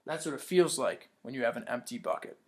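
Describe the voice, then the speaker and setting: Speaking fast in a mid-range voice with a darkish tone, a man reads a picture book to children. He stops now and then to quiz his young listeners, praising their responses as he teaches.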